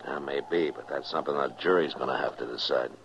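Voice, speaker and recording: An actor playing a firm, steady frontier marshal in a radio western, grave and plain-spoken, with an American accent. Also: male voice, very deep voice, fairly quick. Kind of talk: old-time radio western acting. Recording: muffled, noisy vintage radio recording.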